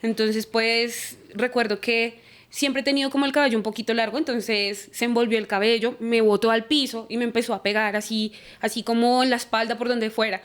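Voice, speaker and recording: Her voice on the high side and brisk, a young woman from Colombia gives her testimony as a guest on a church podcast. She is animated and performs the remembered conversations as she recounts them.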